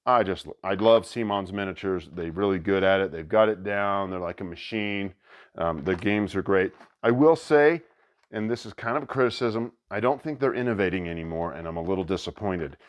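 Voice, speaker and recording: A man hosting a board game channel, chatting excitedly as he unboxes a new game and thinks aloud. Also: low voice, moderate pace. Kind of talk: casual unboxing commentary.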